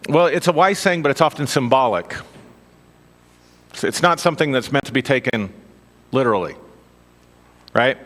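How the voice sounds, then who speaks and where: Man, Bible teacher, informal sermon, conversational, dry asides, mid-pitched voice, long hall reverb. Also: lively intonation, normal speed, pauses often, fairly bright tone. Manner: conversational, asks the listeners questions, dry asides.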